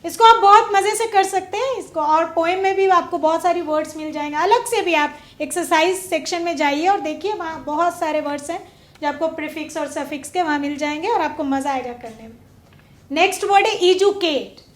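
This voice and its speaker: A woman with a very high voice leads a classroom lesson. She questions her pupils and lingers over each example word. The room around her echoes. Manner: slow, drawn-out stress on example words; asks pupils questions and waits. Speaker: teacher. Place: studio classroom.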